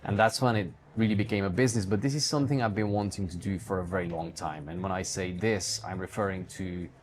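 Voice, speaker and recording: This Hungarian guest, who runs a book publishing business as a digital entrepreneur, talks quickly about his life and work while answering interview questions conversationally. His voice is deep and fairly even in intonation, with a little hiss or hum on the recording.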